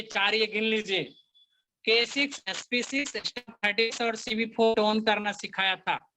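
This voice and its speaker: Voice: medium pitch, bright, forceful tone. A teacher of acupuncture and Chinese medicine giving a workshop lecture, explaining step by step with patient case stories and repeating key terms.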